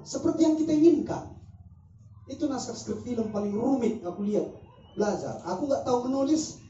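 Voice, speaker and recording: Guy explaining stuff at a discussion meetup, dark mellow voice, far from the mic, roomy and muffled. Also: very high voice, a little hiss or hum. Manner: explanatory, illustrates points with spoken examples. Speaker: discussion speaker. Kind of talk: casual discussion talk. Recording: muffled distant mic in echoey room.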